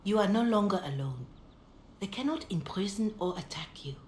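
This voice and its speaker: An actress playing a calm, compassionate middle-aged holy mother in a fantasy video game, speaking in a measured, gentle, solemn way. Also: medium pitch, lightly acted. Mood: earnest, persuasive. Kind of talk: dramatic video game dialogue. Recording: roomy echo, background ambience noise.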